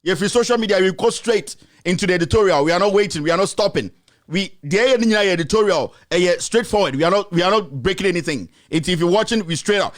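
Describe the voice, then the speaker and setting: A Ghanaian man with a high-pitched voice rants as a show host. He fires off accusations and keeps hammering the same rhetorical questions in a fiery, heated commentary. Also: lively intonation, quick pace.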